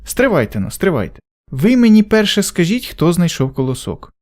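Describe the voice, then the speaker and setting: A man voicing a hardworking, patient and fair rooster in a storybook reading, with a high, bright calling voice. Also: very animated, normal speed. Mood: firm.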